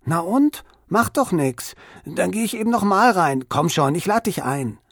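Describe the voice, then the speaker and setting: A man's voice: high voice, lively intonation, measured pace, a bit bright, no room sound, studio quality, pitched above the performer's own voice, exaggerated voice. A man voicing a shy, secretive boy who pleads and hesitates, near tears. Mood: coaxing.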